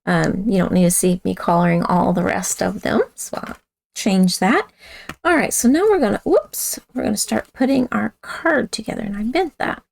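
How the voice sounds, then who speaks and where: A woman with a raspy voice, chatting casually as she demonstrates a card-making craft and talks while she works. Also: medium pitch, normal speed. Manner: chatty, talks while working with hands, self-correcting. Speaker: craft instructor.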